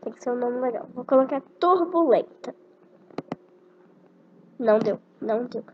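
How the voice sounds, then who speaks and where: A woman's voice: fairly high pitch, animated, unhurried. A female gamer chatting casually through her first play of an online animal game, gushing over the cute creatures. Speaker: gameplay narrator. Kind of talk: casual gameplay commentary. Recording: dull lo-fi recording with loud noise.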